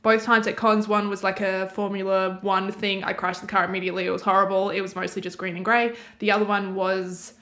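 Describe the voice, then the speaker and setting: A woman's voice: mid-range voice, little pitch movement, brisk, hardly any pauses, a bit bright. Chatty woman reacting to a trailer. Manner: chatty, rambling, thinks aloud. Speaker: reaction video host. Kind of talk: casual commentary on a game trailer.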